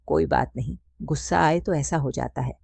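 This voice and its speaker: A woman voicing an affectionate, teasing middle-aged mother in a storybook reading, speaking in a soft, coaxing way. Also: low-pitched, moderate pace, gravelly, husky, no echo, heavily acted. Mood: tender. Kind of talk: scripted story narration.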